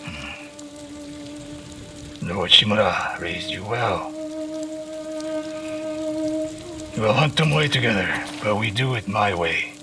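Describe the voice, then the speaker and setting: An actor playing a stern, bitter old male archery master in exile in a video game; he speaks gruffly and curtly. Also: on the low side, huge pitch swings, a little slow, music in the background, heavily acted. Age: older. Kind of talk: video game cutscene acting.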